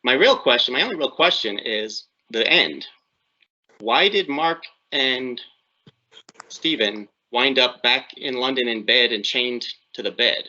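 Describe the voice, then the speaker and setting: Guy with a really bright edgy voice chatting on a podcast, kinda puzzled, muffled sound. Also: mid-range voice, measured pace. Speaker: podcast panelist. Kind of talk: casual discussion. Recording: muffled lo-fi audio.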